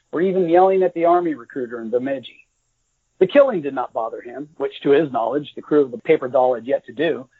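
Husky male author reading aloud, tinny. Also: a little high, no room sound. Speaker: author reading his novel. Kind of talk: scripted narration. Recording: dry, tinny phone-like audio.

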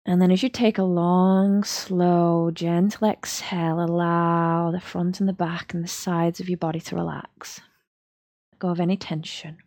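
A woman, a yoga teacher leading a slow, soothing guided body-scan relaxation. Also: on the low side, flat delivery, a little mellow, dry recording, clean studio sound.

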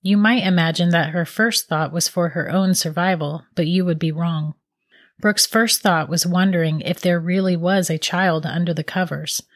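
A woman narrates a fairy tale in a calm, even storytelling voice. Her voice is a little low, recorded dry and close with no room sound. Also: moderate pace, no echo. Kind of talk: scripted narration.

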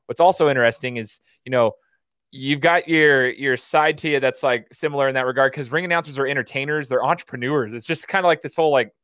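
A man's voice: medium pitch, fast talker, fairly bright tone, no echo. A man hosting a casual interview podcast, chatting in an enthusiastic, rambling way. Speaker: podcast host.

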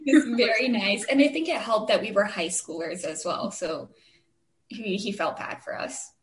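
A young woman from Arizona, co-hosting a podcast and telling a story in animated casual chat, full of "like" fillers and acted-out quotes. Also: mid-range voice, moderate pace, roomy sound. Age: young adult. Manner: animated, frequent "like" fillers, acts out quoted voices. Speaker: podcast co-host.

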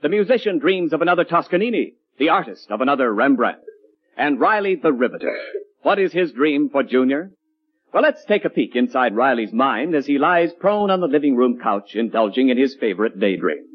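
A man's voice: medium pitch, very animated, a little fast. A man announcing and narrating a 1940s radio show in a polished, theatrical scripted style. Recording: dull old radio recording.

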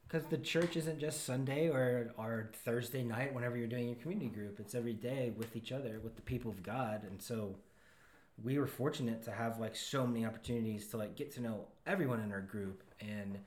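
A man guesting on a podcast, talking in a relaxed, rambling way and laughing along. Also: medium pitch, fairly quick, reverberant, slight background noise. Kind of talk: casual chat.

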